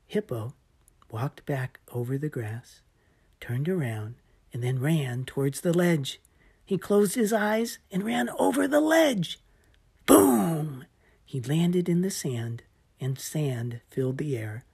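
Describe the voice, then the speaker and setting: A woman reading a children's story aloud in a calm, soft storytelling manner. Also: sits low, takes it slowly, gravelly, breathy edge.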